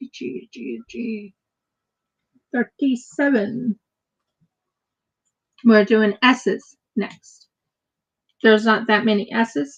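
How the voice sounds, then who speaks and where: This woman's fairly high voice has a gravelly texture, captured in lo-fi sound. She's a US craft streamer who rambles casually as she works on her projects on a livestream, frequently saying the same words twice.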